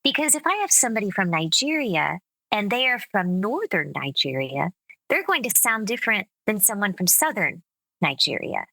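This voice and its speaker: A woman speech coach explaining her methods in a measured, explanatory way during a conversational interview. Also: medium pitch, big pitch swings, vocal fry, pushed and bright, no room sound, poor audio. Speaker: speech coach and accent specialist.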